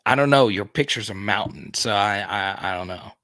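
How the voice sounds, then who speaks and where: A man in his thirties hosts a sports podcast livestream, chatting casually while reading viewer comments, laughing often and stumbling over restarts. His voice is lowish, bright and forceful, at a normal speed, with no room sound.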